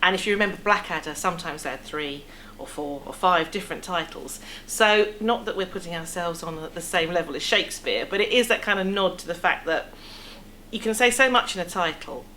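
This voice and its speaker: Her fairly low voice sounds pushed and bright, a little fast, on a rough recording with clear background room noise. She's a middle-aged woman with an English accent, a theatre producer casually interviewed in the café seating of an indoor theatre foyer, explaining things in a chatty manner.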